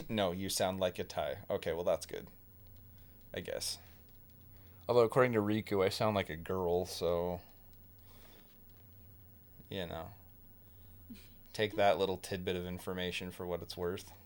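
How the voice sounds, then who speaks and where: A man's voice: sits low, steady tone, a little slow, long pauses. A man hosting a game livestream, chatting casually and joking with viewers and friends. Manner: laid-back, joking, chatty. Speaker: streamer.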